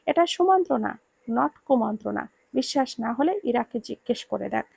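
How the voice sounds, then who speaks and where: A woman reading the lines of a calm, deadpan older brother-in-law who is quietly scheming, in a storybook reading. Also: on the high side, moderate pace, gravelly, breathy edge, no room sound, full character voice. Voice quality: unbothered, dry delivery.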